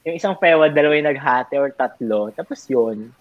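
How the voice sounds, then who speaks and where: A man's voice: medium pitch, fairly quick. A young man chatting casually with friends, telling rambling anecdotes full of fillers and laughs. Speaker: storyteller among college friends. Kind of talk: casual chat. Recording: dull lo-fi recording.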